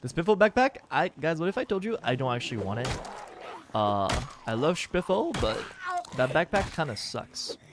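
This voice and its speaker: A man's voice: medium pitch, very animated, moderate pace, background noise. A man streaming a game, chatting casually to viewers and exclaiming over the items he finds. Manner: chatty, exclaims at found items, teases chat. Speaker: livestreamer. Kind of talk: casual gameplay commentary.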